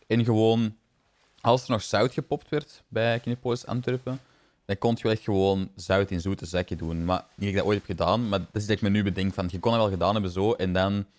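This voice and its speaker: A man's voice: fairly low pitch, fairly even intonation, brisk, a little mellow, no room sound. A young man, telling work stories in a casual podcast chat. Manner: storytelling, chatty. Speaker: podcast co-host.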